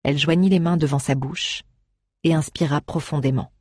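Low, husky woman audiobook narrator, measured delivery, dry close sound. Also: steady tone, darkish tone, no room sound. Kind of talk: scripted storybook narration.

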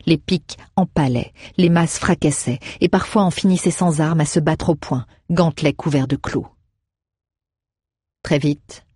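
A man reading a fantasy novel aloud in steady, measured narration. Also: on the high side, slightly rough, dry recording, studio quality. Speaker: audiobook narrator. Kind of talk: audiobook narration.

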